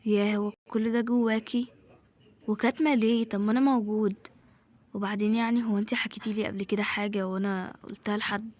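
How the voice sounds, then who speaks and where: A woman with an Egyptian accent voicing a caring young man who speaks softly and reassuringly in an amateur home drama. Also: mid-range voice, steady tone, fast talker, lightly acted. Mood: concerned.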